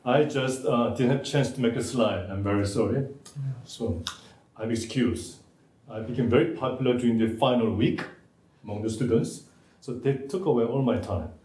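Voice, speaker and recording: A man's voice: medium pitch, normal speed, warm tone. A man, a native Korean speaker, giving an informal academic seminar talk, chatty and repeating words as he writes on the board. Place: seminar room. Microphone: distant room mic. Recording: echoey room, far mic.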